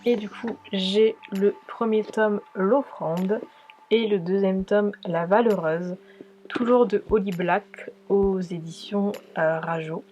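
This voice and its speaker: A woman presenting her monthly book purchases to viewers in a casual, hesitant way, often pausing on filler sounds. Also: mid-range voice, fairly even intonation, a little mellow, lo-fi sound, a little hiss or hum. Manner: hesitant, many filler pauses. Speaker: book vlogger.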